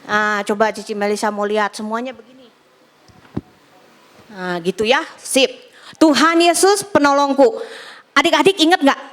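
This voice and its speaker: A young woman giving a lively children's Bible lesson, acting out little prayers and story lines for the kids. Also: on the high side, normal speed, pauses often. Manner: animated, acts out prayers and story voices for kids. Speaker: Sunday school teacher.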